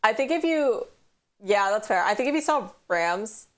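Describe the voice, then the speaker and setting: This young woman's voice is on the high side and expressive, moving at a normal speed. She's from Canada, has a West Coast accent, and rambles casually on a stream with plenty of "like," recorded through headphones.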